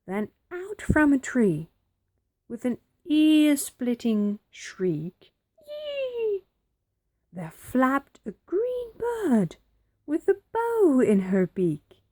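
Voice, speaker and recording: A woman reading a children's picture book aloud, with expressive, dramatic pauses. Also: high-pitched. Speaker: storybook reader.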